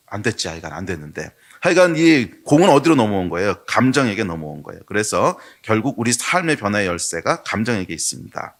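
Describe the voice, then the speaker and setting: A middle-aged man preaching a sermon as pastor, telling everyday stories with lively acted-out quotes. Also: lowish voice. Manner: lively storytelling sermon, bursts into shouted quotes. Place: church sanctuary.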